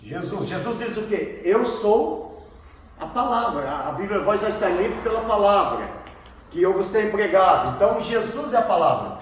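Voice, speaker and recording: A Brazilian man with a fairly high voice teaches a theology class as a pastor, tossing questions to the room and repeating the answers back. He is heard from a distance in a very echoey room, with a faint hiss underneath. The pace goes back and forth between quick questions and slow, stressed quotes. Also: animated. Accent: Brazilian Portuguese. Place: large echoey room with students, from far off.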